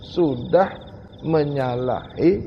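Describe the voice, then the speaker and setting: Slow gravelly Malaysian Malay preacher. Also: male voice, on the high side, big-room sound, dull audio, slight background noise. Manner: slow, questioning, emphatic repetition. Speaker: religious teacher. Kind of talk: Sufi sermon.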